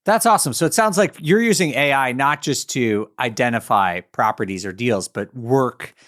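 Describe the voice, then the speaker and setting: A man's voice: medium pitch, normal speed, a bit bright. A man hosting a podcast in a casual, conversational style. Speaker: podcast host.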